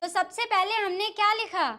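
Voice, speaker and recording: A woman's voice: very high-pitched, steady tone, normal speed, sharp tone. A woman teacher from northern India explaining a lesson step by step, asking questions and answering them herself. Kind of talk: classroom lesson explaining Sanskrit pronunciation.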